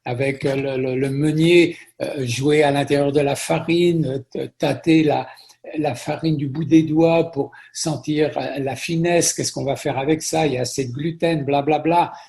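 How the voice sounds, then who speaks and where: Middle-aged French-born man, interview guest, gravelly voice, chatty storyteller who repeats himself. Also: a little high, fairly even intonation, moderate pace. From France. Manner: warm storytelling with frequent repetitions. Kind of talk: conversational interview.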